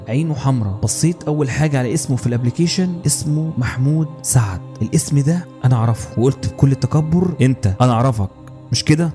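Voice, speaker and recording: A man with an Egyptian accent tells a first-person horror story in a tense, scripted narration. His voice is very dark and mellow, the pace quick. Faint music runs underneath. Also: medium pitch. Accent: Egyptian Arabic.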